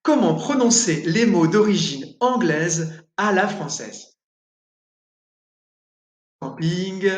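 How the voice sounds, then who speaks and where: A French teacher from France, a man with a French accent, walks learners through a pronunciation lesson. He speaks slowly and spells out each example word with care. His voice sits high and rings in an echoey room. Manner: clear, careful articulation of example words.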